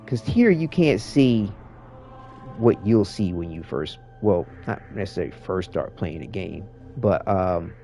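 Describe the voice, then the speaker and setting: A man's voice: deep voice, expressive, a little slow, dark tone, faint music behind. A man giving casual gaming commentary in a rambling, slangy way, often repeating his words. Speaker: streamer showing a game to a viewer.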